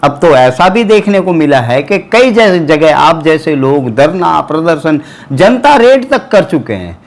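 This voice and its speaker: Man, news interview host, fairly high voice, agreeing, speaks to viewers. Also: very animated, a little slow. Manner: agreeing, addresses viewers directly.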